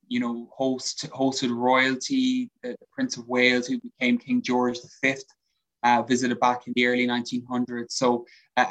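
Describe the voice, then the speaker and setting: Being interviewed as a guest, this hotel sales executive talks conversationally in a west of Ireland accent from County Mayo, frequently repeating words. His voice is mid-range and a bit bright, in a low-quality recording.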